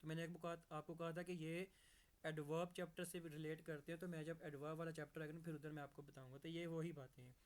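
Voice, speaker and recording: A man teaching English grammar, who checks in often with the viewer and reads example sentences out slowly. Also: fairly high pitch, little pitch movement.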